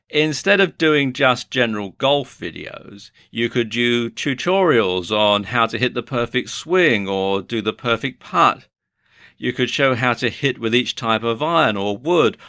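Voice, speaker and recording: A man's voice: medium pitch, fairly bright tone, no echo. A man narrating a scripted online business tutorial, explaining things in a chatty way with dry asides.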